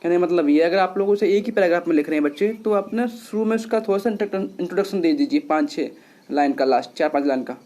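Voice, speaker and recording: A quick-talking English teacher, high in pitch with a darkish tone, leads a lesson. He's patient, goes over the same ground repeatedly, and calls his students children.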